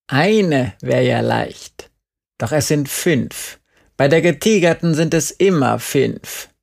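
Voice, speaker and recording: A man playing a grumbling old farmer, stubborn, weary, slow drawn-out speech, gravelly, audiobook reading. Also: a little high, lively intonation, pitched above the performer's own voice, heavily acted. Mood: matter-of-fact. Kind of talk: audiobook character voice.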